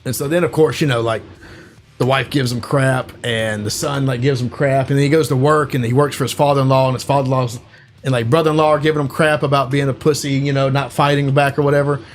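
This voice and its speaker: A podcast host with a medium-pitched, fairly even voice talks fast over a faint hiss or hum. In a casual chat, he retells a film plot in a rambling way, packing in fillers and acting out the quotes.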